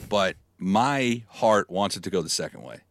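A man's voice: low voice, expressive, moderate pace, vocal fry, no room sound, studio quality. A man co-hosting a casual wrestling chat, talking through his predictions and now and then mimicking catchphrases. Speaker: podcast co-host.

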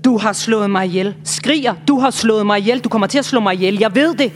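A woman performing a dramatic stage reading in a measured, brooding way. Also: medium pitch. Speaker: stage actor.

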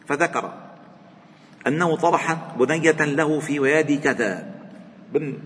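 A man's voice: fairly high pitch, animated, measured pace, fairly bright tone. A man with a Lebanese accent teaching a religious lesson in a mosque, telling stories expressively and rising sharply when voicing people in them. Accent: Lebanese Arabic. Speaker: sheikh teaching a religious book. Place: mosque hall. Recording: long hall reverb, faint background noise.

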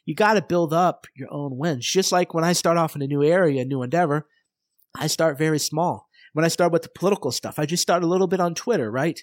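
A middle-aged man gives a solo motivational talk on his podcast, fired-up and emphatic. His voice sits somewhat high for a man. The sound is dry, with no room echo. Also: fairly quick. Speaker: podcast host.

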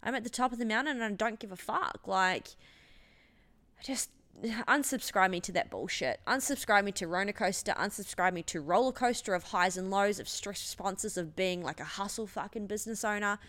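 A woman's voice: medium pitch, moderate pace, a bit bright. A woman, a gym owner talking in a rambling, emotional, sweary monologue. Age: 30s. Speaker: gym owner and podcast host. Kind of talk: casual monologue.

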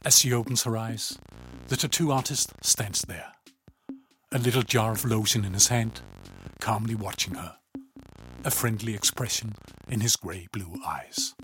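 A man reading a story aloud in calm, even scripted narration, often low and hushed. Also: measured pace, soft background music.

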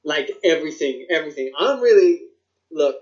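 A man's voice: fairly high pitch, animated, normal speed. A man with an Australian accent chatting casually as a podcast co-host, swearing and using plenty of slang. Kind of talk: casual chat. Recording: dull, lo-fi sound.

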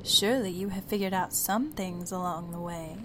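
A woman voicing a pompous, rude male creature on the ceiling, talking in a loud, haughty, scolding way. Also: fairly low pitch, moderate pace, background noise, lightly acted. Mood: smug.

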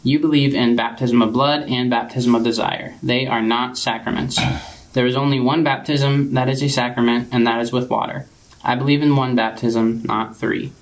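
Creaky-voiced male interview host. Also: mid-range voice, fairly even intonation, normal speed, low-quality recording. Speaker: host of a religious interview show. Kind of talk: hosting, reading viewer emails to a guest.

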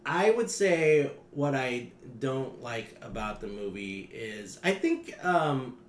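A man's voice: medium pitch, expressive, slow pace, a little hiss or hum. Podcast guy, lots of ums and laughs, roomy echo. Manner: laughs often, hesitant with fillers. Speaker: podcast co-host. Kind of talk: casual chat.

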